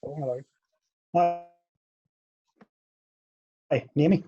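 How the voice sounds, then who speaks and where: A man on a group video call, his audio glitching and cutting out over a weak connection, talking in a halting, candid way. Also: fairly high pitch, dark tone, muffled recording. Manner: halting and candid, with frequent restarts. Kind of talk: casual video call check-in.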